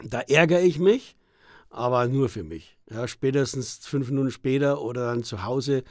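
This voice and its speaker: A middle-aged man, a driver talking as an interview guest, who bursts into loud, abrupt laughter and restarts his words often. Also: mid-range voice, moderate pace, dry recording, studio quality. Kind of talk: casual interview chat.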